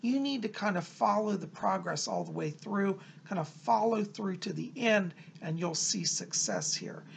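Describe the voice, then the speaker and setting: Gravelly man giving a mystical horoscope reading. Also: sits high, animated, moderate pace, hardly any pauses, slight background noise. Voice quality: raspy, creaky. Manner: encouraging, advising the listener directly. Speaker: psychic medium presenting horoscopes. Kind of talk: mystical horoscope reading, informal and semi-improvised. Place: small room at home, indoors.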